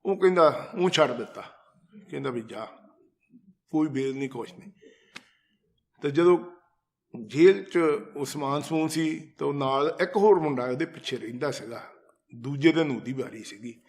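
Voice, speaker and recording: A man with a somewhat high, gravelly voice tells a personal devotional story. He talks in a loose, conversational way and retells old conversations. Now and then he turns to his listeners with asides. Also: moderate pace, long pauses. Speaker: storyteller sharing a devotional account. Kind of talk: casual spoken testimony.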